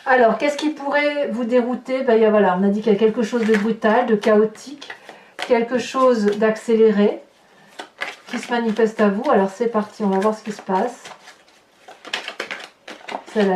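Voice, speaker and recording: A woman tarot reader and channel host improvises a reading for her viewers, bursting into exclamatory, astonished asides about the cards. Her voice is fairly high and darkish, at a moderate pace with long pauses, and the distant mic picks up roomy echo and background noise.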